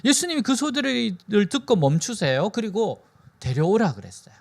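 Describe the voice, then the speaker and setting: Lively high-voiced male pastor preaching. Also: normal speed, vocal fry. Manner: animated preaching, frequent rhetorical questions to listeners. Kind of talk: sermon.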